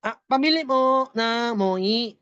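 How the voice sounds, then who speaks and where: A man's voice: very high-pitched, moderate pace, no echo. A woman voicing a man who speaks with a heavy nasal, muffled voice and gets easily annoyed in a spoken joke. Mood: pleading. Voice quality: heavily nasal, muffled speech.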